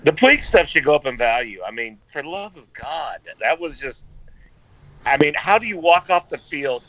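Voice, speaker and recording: A man co-hosting a casual sports podcast, excitable and emphatic, with a slightly dull recording. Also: fairly high pitch, normal speed. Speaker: podcast co-host. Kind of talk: casual chat.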